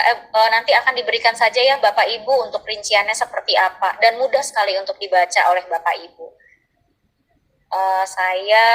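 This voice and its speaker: A woman giving an explanatory tutorial to teachers, addressing them politely again and again and pausing often on filler sounds. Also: medium pitch, sharp tone, poor audio. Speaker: teacher trainer.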